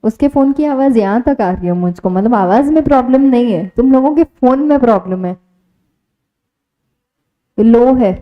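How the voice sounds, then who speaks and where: An Indian woman teaches a live online class, slipping between Hindi and English as she quizzes her students. Her voice sits a bit high. The stream sounds dull and lo-fi. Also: moderate pace, long pauses.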